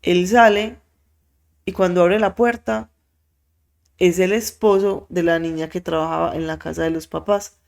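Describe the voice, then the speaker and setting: Podcast storyteller, animated, lots of fillers, acts out quotes. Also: mid-range voice, unhurried, gravelly. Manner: frequent filler words. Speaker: podcast host.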